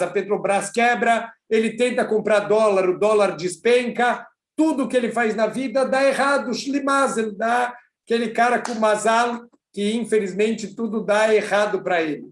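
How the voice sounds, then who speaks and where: A man with a Brazilian accent, a rabbi teaching a religious class over a video call, who explains in an animated storytelling way. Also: high-pitched, roomy sound.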